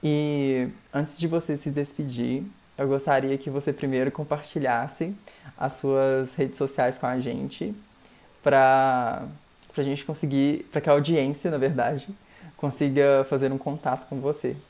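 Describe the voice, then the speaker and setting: Gravelly male interviewer. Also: medium pitch, little pitch movement, measured pace, a little mellow. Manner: polite and formal. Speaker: interviewer, host. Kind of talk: formal interview closing.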